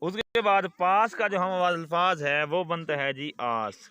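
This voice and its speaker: A patient male teacher walks young children through a recorded lesson. He speaks in a fairly high voice, repeating key words and asking little quiz questions. He then waits for the answers. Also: a little slow, pushed and bright, smooth, no echo.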